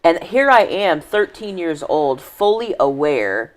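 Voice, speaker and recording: A woman's voice: on the low side, big pitch swings, slow pace. A woman telling her personal life story in an interview, earnest and reflective, often trailing off and restarting her sentences. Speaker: podcast guest.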